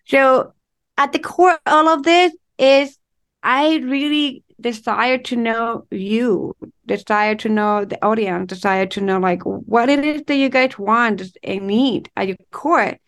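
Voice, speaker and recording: A woman from Ecuador, a relationship and intimacy coach, speaking as a guest in an interview, expressive and flowing, stringing words together in slow runs. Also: on the high side. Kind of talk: conversational interview.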